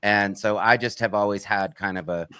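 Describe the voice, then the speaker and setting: A man's voice: lowish voice, steady tone, normal speed, pushed and bright, clear, resonant tone, no room sound. A man who runs a true-crime channel, talking as a guest on a video call, hedging and restarting often. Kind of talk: casual panel discussion.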